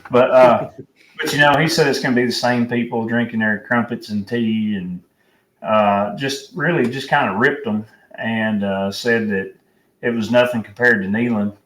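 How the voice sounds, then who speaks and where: A man's voice: on the low side, fairly bright tone. A man hosting a casual sports chat, rambling with many fillers. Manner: rambling, filler-heavy storytelling. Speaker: podcast host. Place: home room at night. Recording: roomy echo, distant mic, faint noise.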